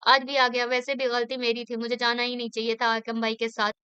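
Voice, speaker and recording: Female reader as a feisty young heroine of a storybook drama, quick retorts; slightly high, level tone. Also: monotone, pushed and bright, clear, resonant tone, no echo, lo-fi sound. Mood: plaintive. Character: feisty hot-tempered young college girl, sharp-tongued.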